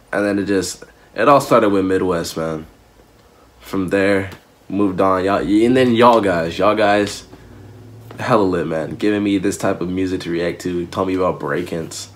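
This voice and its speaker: A young man hosting a music reaction, talking in loose, slangy, emotional bursts and often addressing viewers directly. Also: low voice. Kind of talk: casual reaction commentary.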